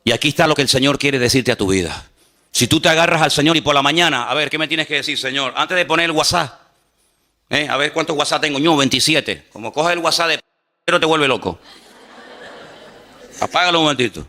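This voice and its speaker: A male pastor preaching a sermon in an animated way, acting out quotes and joking with his congregation. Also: a little high, a little fast, long pauses.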